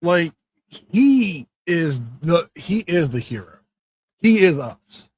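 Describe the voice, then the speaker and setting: A man co-hosting a podcast in casual chat, excitable, swearing and stumbling over names. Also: on the high side, slow pace, no echo. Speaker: podcast co-host.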